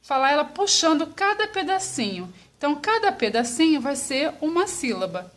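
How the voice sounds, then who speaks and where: Her high, sing-song voice carries a Brazilian Portuguese accent as she teaches small children slowly. She patiently breaks every word into its syllables.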